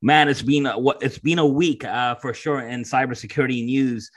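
A man hosting a podcast in casual chat, talking haltingly with many fillers and restarts. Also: medium pitch, fairly even intonation. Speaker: podcast host.

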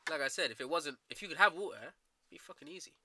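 A man's voice: a little high, expressive, racing, a crowd in the background. A young man with a London roadman accent chatting casually with friends in slangy, sweary talk. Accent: London, urban street slang. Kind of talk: casual chat among friends.

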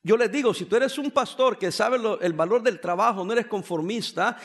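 A man in his fifties delivers a sermon from the pulpit in a high voice. He preaches in an animated, joking way and drops English phrases into his talk. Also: moderate pace, husky. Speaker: pastor.

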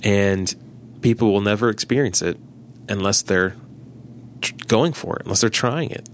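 Low-voiced pastor telling stories. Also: male voice, normal speed, slight background noise. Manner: animated storytelling, acts out quoted dialogue. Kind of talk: casual podcast conversation.

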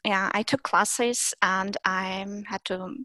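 In a casual interview, a German teacher and Instagram creator whose first language is Russian talks in English about teaching German, often restarting and filling pauses. She speaks slowly in a steady, medium-pitched voice that sounds pushed and bright, and the recording is dry.

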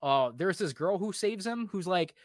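A man's voice: high voice, lively intonation, moderate pace, dry recording, studio quality. A young man co-hosting a casual podcast, ranting sarcastically and swearing a lot, full of "like" and "um". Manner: frequent fillers like "like" and "um". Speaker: podcast co-host. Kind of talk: casual podcast review chat.

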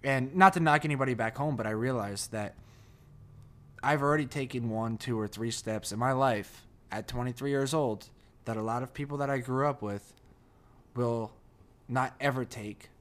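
A man's voice: mid-range voice, moderate pace. A man in his twenties with a New Jersey accent, chatting candidly at a table at home and swearing freely. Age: 20s. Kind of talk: casual chat. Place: table in a shared house.

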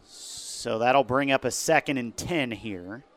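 A man doing live football play-by-play, calling each play briskly as it happens. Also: medium pitch, fairly bright tone. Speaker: play-by-play announcer.

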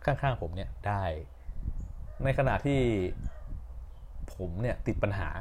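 A man's voice: lowish voice, measured pace, a little mellow, a little hiss or hum. Rambling young man telling a story. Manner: rambling, self-correcting, frequent fillers. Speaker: podcast host. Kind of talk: casual storytelling monologue.

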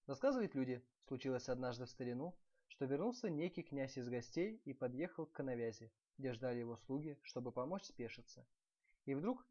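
A man hosting a podcast, reading a bedtime fairy tale in a lively, expressive way. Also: medium pitch. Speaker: podcast host and storyteller. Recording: dull lo-fi recording.

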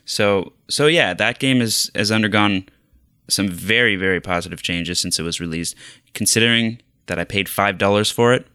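A podcast co-host chats casually about video games, hesitating and restarting often, with plenty of fillers. His voice is fairly low, bright and forceful, at normal speed. The recording is smooth, dry and studio quality.

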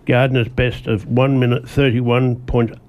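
A man's voice: mid-range voice, level tone, unhurried, darkish tone. An Australian man co-hosting a radio motorsport show, reading a scripted report aloud from his notes and stumbling now and then. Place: radio studio.

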